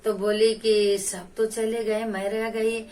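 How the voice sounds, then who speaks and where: A woman's voice: on the high side, flat delivery, a little mellow. A woman narrating a devotional folk tale, repeating her phrases as she retells it, heard from a distance off the mic. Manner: slow, repetitive retelling. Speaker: devotional storyteller. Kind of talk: religious folk storytelling.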